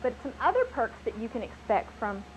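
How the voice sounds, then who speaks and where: A woman's voice: sing-song, brisk, poor audio. A woman skin care consultant giving an upbeat, chatty sales presentation at a home party, heard from a worn VHS tape copy. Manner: upbeat, chatty sales pitch with frequent laughs. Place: living room at a home party. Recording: hissy worn 90s home video tape.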